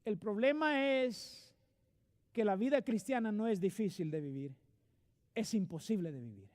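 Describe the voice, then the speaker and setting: A man's voice: sits high, animated, unhurried, a little mellow. A male pastor preaching a sermon in a church, earnest and direct with his congregation. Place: church sanctuary.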